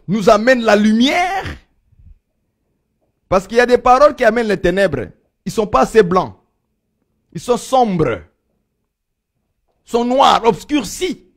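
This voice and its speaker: A man preaching a sermon, swinging from loud proclaiming to low murmurs.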